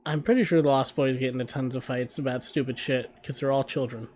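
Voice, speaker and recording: A man's voice: mid-range voice, steady tone, fairly quick, darkish tone, slight background noise. A man streaming a game live, reading its text aloud and breaking off for casual, profane, joking asides.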